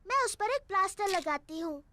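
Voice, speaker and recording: A woman's voice: very high-pitched, lively intonation, brisk, bright, forceful tone, slight background noise, full character voice. A woman voicing a bossy, playful little girl piglet with a childlike, chirpy manner in a children's cartoon dub. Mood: playful, matter-of-fact. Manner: childlike, chirpy, matter-of-fact. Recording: music behind the voice.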